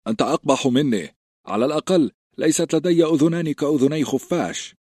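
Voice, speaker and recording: Audiobook: man voicing a brash, loud young recruit, pitched up. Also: sing-song, brisk, slightly rough, no echo, clean studio sound. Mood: indignant. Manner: loud, indignant, blustering. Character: thick-necked young male recruit, blustering and touchy.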